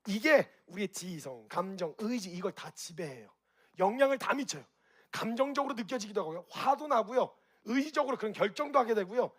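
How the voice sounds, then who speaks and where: A man with a husky, slightly raised voice speaks quickly to an audience. He keeps it animated, asks them direct questions and acts out reactions with sound effects. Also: sits high. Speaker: speaker at a group gathering. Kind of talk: lively spoken talk to an audience.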